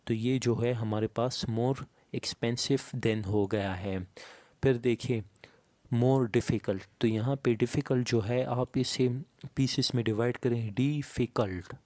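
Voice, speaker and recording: A man teaching English grammar, explaining slowly and reading each example sentence aloud word by word. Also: mid-range voice, darkish tone, no room sound. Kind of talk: explaining a lesson to students.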